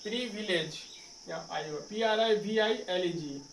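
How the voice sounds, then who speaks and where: Male teacher, high voice, echoey classroom heard from a distance, drilling spelling and pronunciation. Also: measured pace. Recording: echoey room, mic far off, faint noise.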